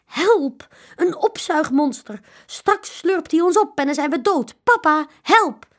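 A woman voicing a frightened, excitable little boy in a children's story, crying out shrilly. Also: sits high, slow, pitched above the performer's own voice. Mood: terrified.

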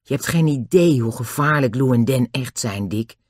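A man's voice: medium pitch, animated, normal speed, no room sound, clean studio sound, natural voice. A man voicing a timid, frightened circus boy who talks anxiously. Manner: nervous, anxious.

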